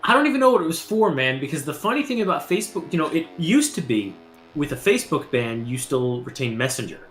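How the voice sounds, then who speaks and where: A man's voice: a little high, very animated, quick pace, a bit bright, a little hiss or hum. A man co-commentating a race in easygoing, joking banter, his voice coming through a hollow mic that sounds like talking down a tube. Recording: echoey hollow mic, faint music behind.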